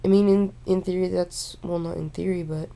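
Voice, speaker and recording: Gravelly, drawling young woman rambling. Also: lowish voice. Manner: meandering, halting, with frequent fillers and restarts; relaxed, stoned drawl. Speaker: vlogger. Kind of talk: rambling casual monologue to camera.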